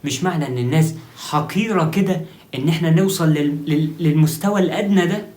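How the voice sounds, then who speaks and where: A man's voice: a little high, fast talker, a little mellow, roomy sound, slight background noise, natural voice. A man with an Egyptian accent playing a stiff, old-fashioned grandfather who scolds in formal, pompous phrases. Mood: scolding. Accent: Egyptian Arabic. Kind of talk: sketch comedy acting.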